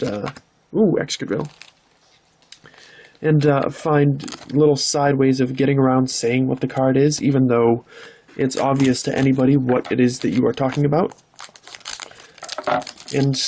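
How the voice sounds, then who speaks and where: A man hosting his channel, chatting casually off camera while opening trading card packs and breaking into excited exclamations. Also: medium pitch, a little hiss or hum. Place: indoors, filming from behind the camera.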